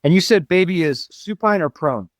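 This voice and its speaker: A man's voice: sits high, animated, moderate pace, dry recording, studio quality. A man hosting a podcast interview, asking curious, clarifying questions and affirming the answers. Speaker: podcast host.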